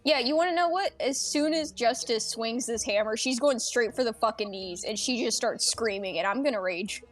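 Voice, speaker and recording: A woman playing a tabletop game, animated and blunt, swearing freely as she describes her character. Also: a little high, moderate pace, faint music behind. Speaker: player. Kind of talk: casual tabletop game chat.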